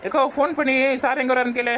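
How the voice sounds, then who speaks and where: A woman's voice: sits high, fairly even intonation, quick pace, fairly bright tone, slight background noise. A woman, bossy and pleading by turns in a comic sketch.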